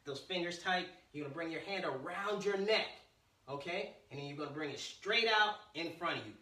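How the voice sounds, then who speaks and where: A man leading an online children's martial arts class with playful, teasing entertainer patter, encouraging instructions and energetic commands. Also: fairly high pitch, brisk. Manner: energetic counting and barked commands. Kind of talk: livestreamed kids' exercise class, call-and-response instruction. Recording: roomy echo, distant from the mic.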